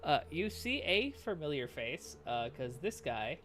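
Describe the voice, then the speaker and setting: A man's voice: on the high side, sing-song, unhurried, fairly bright tone. A man running a tabletop game as game master, narrating scenes and chatting as a shopkeeper, laid-back and chuckling.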